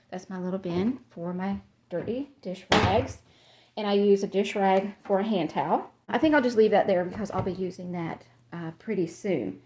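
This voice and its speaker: A woman's voice: medium pitch, mellow. Chatty woman vlogging while tidying her house. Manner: chatty, rambling, laughs at herself. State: a little out of breath. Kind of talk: casual decluttering vlog narration. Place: cluttered home, moving between rooms.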